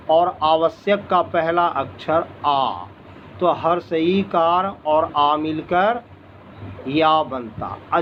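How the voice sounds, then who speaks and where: A man teaching grammar. He talks deliberately and repeats each rule with worked examples. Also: a little high. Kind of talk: slow classroom explanation. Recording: dull lo-fi recording with faint background noise.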